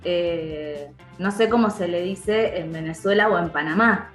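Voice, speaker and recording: A woman's voice: fairly low pitch, unhurried, roomy sound, soft background music. A woman with an Argentine accent, a voice-over and dubbing artist, explaining pronunciation patiently in a podcast interview and repeating words to show the sounds. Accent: Argentine Spanish.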